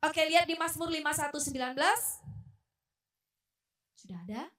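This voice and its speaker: Lady preacher, kinda high voice, super animated, far off the mic in an echoey church hall. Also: normal speed. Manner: animated, acts out quoted voices, swings between loud and hushed. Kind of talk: sermon.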